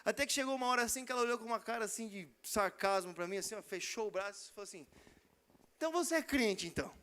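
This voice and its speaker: A male preacher telling a story in a church, lively and slangy as he talks. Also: high voice, rapid-fire, clean tone.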